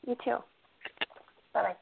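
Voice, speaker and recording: A woman calling in to a radio show over the phone, talking softly and gratefully. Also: a little slow. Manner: soft, grateful. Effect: tinny phone line. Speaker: radio call-in caller. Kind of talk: casual call-in chat. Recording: tinny dry phone line.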